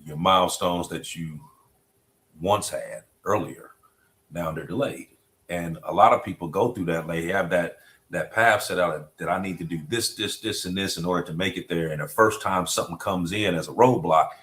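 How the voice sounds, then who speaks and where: A man's voice: deep voice, moderate pace, a bit bright. A middle-aged man hosting a podcast conversation, reflective and repetitive, often asking "you know what I mean". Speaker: podcast host.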